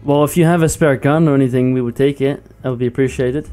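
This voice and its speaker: Mellow-voiced man narrating gameplay. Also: medium pitch, steady tone, fast talker, soft background music. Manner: chatty and playful, laughs often. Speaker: gaming YouTuber. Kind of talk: casual gameplay commentary.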